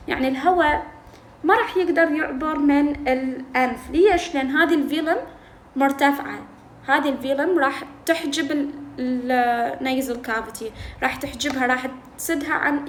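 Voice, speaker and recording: High-voiced Iraqi woman tutor, echoey room. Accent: Iraqi Arabic. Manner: asks herself questions and answers them, repeats key terms; reads English textbook lines slowly between explanations. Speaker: linguistics tutor. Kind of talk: explaining a textbook chapter to students. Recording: echoey room with faint noise.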